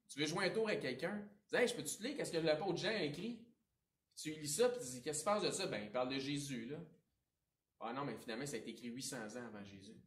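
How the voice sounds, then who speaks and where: A man with a Quebec French accent preaching a sermon as pastor, with a conversational style, informal asides and big swings between loud and quiet. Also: fairly high pitch. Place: church sanctuary. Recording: roomy echo, voice picked up from a distance.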